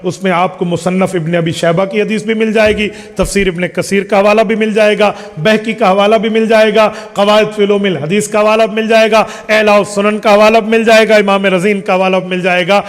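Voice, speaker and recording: Male Islamic scholar, higher pitch, emphatic and rhetorical, long reverberant hall sound. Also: level tone, brisk, hardly any pauses. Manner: emphatic, rhetorical questions, lists points one by one. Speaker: Islamic scholar answering questions. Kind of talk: religious question-and-answer talk.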